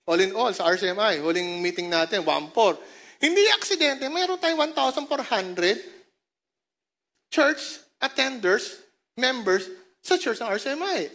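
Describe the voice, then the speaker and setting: During a church service, a woman pastor with a Filipino accent preaches a sermon in a slightly high, somewhat bright voice. She slips between languages in quick phrases, jokes with the congregation, and keeps prompting them to answer.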